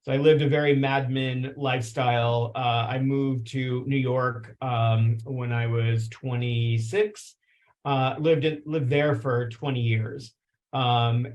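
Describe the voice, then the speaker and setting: A man in his forties from Texas, a chef, introducing himself in an earnest, halting way with many restarts. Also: medium pitch. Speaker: chef and food writer. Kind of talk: casual personal introduction.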